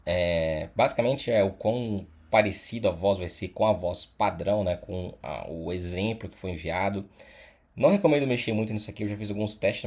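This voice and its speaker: Brief: male tutor, lowish voice, relaxed explainer with tag questions. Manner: casual, explanatory, frequent "tá?" and "né?" tags. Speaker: online course instructor. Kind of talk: screen-recorded tutorial.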